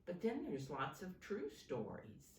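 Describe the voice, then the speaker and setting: Like a teacher with young children, a woman reads a picture book aloud, explaining things simply and prompting her listeners. Her lowish, slightly mellow voice swings hugely in pitch at an unhurried pace. The mic is distant in a roomy space with faint background noise.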